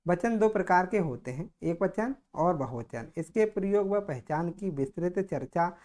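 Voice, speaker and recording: A man's voice: high-pitched, lively intonation, measured pace, a little mellow. A man teaching a grammar lesson for exam preparation, saying each word more than once in a dictating way. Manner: repeats each word, dictating-style explanation.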